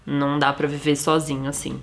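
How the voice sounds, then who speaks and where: A woman co-hosting a live stream from home, speaking softly and hesitantly as she searches for words. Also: deep voice, little pitch movement, fairly quick, creaky, slight background noise. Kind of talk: casual live-stream talk.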